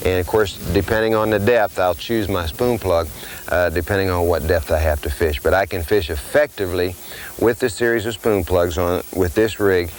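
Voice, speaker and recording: A man's voice: low-pitched, moderate pace, a little hiss or hum, low-quality recording. An older man, a fishing instructor, explains step by step in a plain hands-on tutorial while he ties rigs.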